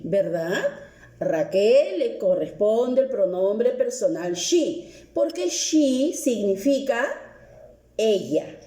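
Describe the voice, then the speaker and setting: Patient woman English teacher with a Peruvian Spanish accent, slow delivery, recorded in an echoey room. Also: a little high, mellow. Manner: slow, patient, repeats each example. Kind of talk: recorded video lesson.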